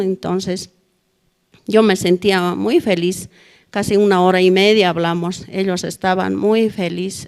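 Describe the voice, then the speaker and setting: With a smooth, darkish, mid-range voice, a middle-aged woman testifies at a church prayer service in the church hall, tagging a questioning "no?" onto nearly every phrase.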